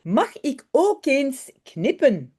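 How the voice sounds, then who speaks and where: A woman's voice: sits high, wildly swooping pitch, extremely slow, mellow, voice pushed up, heavily acted. A woman voicing an eager little girl who gets upset easily in a children's story. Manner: pleading, whiny.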